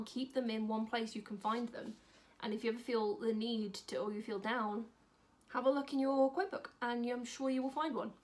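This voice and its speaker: A chatty woman of twenty-five, answering questions to camera in a casual book vlog, with dry sarcastic humour. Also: mid-range voice. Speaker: book vlogger.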